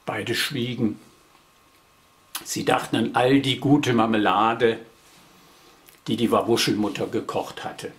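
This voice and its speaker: A man's voice: medium pitch, steady tone, takes it slowly, pauses often. A man reading a children's book aloud and inviting young listeners to join in. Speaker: storybook reader for children.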